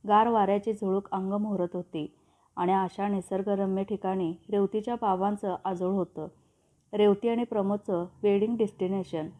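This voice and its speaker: A woman reading a love story as a storyteller, in steady, descriptive narration. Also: mid-range voice. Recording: tinny phone-like sound.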